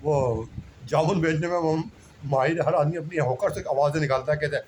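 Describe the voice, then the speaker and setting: A man's voice: on the high side, fairly quick, a little hiss or hum, rough recording. A man talking in a casual, rambling monologue, humbly repeating himself and often addressing the listener as brother. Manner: rambling, repeats himself, keeps saying "bhai sahab"; humble, self-deprecating. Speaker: religious speaker.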